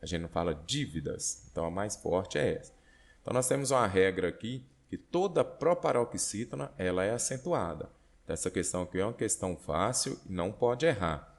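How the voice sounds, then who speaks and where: Deep-voiced Brazilian man teaching grammar. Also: expressive, fast. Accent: Brazilian Portuguese. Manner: explanatory, checks in with "ok?" and "né?". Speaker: Portuguese exam tutor. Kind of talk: online exam-prep lesson.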